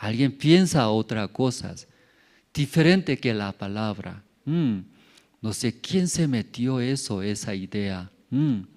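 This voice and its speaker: A man preaching in a church at an unhurried pace, his voice sitting at an ordinary middle pitch. He keeps asking the congregation questions and repeats single words over and over. His volume swings from loud calls down to near murmurs, and his grammar has a non-native feel. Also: lively intonation. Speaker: pastor. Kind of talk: sermon.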